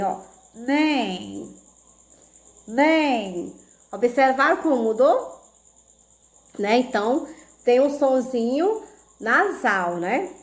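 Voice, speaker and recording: A Brazilian woman teaching a video lesson to young pupils, explaining patiently step by step and checking they follow. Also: high-pitched. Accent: Brazilian Portuguese. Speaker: primary school teacher.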